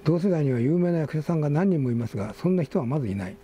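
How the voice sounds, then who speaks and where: A man's voice: on the high side, expressive, rapid-fire, dark tone, slight background noise. An older man hosting a casual talk show, reading magazine articles aloud with asides and self-corrections. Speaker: magazine editor and host.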